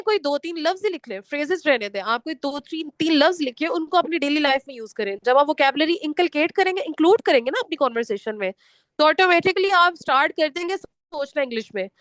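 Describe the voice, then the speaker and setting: A young woman teaching a spoken English class online, switching between Hindi-Urdu and English and slowing down for the English lines. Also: high-pitched, a bit bright, no room sound.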